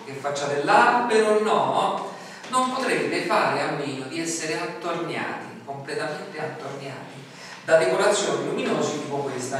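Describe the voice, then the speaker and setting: A man's voice: on the high side, a bit bright, distant mic, slight background noise. A middle-aged man from Italy preaching a sermon in a small church hall, talking casually and putting questions to the congregation. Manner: conversational, asks the congregation questions. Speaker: pastor. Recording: echoey hall, voice from afar.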